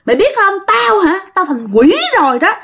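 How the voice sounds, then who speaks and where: A woman's voice: very high voice, sing-song, normal speed, gravelly, a bit bright, voice pushed up, full character voice. A woman voicing a vengeful female ghost nearly a hundred years old who has turned into a demon, snarling threats. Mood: outraged.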